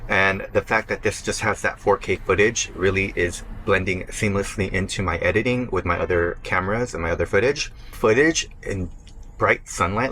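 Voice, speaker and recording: A man's voice: sits low, fairly bright tone, slight background noise. A young man vlogging casually while eating, chatting between bites and sometimes talking with his mouth full. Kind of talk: casual vlog talk to camera while eating. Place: burger restaurant.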